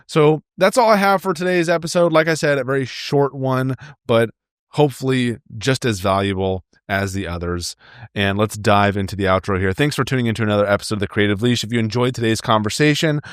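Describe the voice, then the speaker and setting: A man's voice: medium pitch, a little fast, clean tone, no room sound, studio quality. A young man hosting a solo podcast, giving friendly, upbeat advice straight to his listeners. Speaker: podcast host.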